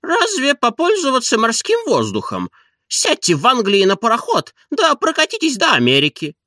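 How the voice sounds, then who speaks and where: A man reading an audiobook and voicing a brisk doctor who lectures in a matter-of-fact way. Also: very high-pitched, huge pitch swings, pushed and bright, no room sound, studio quality, voice pushed up, exaggerated voice. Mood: lecturing. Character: brisk, prescribing male doctor.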